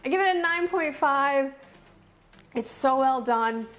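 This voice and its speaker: Her voice is high-pitched and a bit bright, with lively intonation and an unhurried pace. She's a video host doing a casual, unscripted review to camera, enthusiastic and emphatic, repeating phrases to hammer them home.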